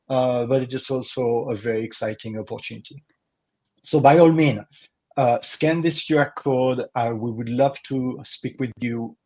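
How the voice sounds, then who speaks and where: Male webinar host, husky voice, earnest and filler-heavy delivery, medium pitch. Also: darkish tone. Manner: earnest, frequent uh fillers, slight non-native phrasing. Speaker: webinar co-host, marketing consultant. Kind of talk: live webinar presentation.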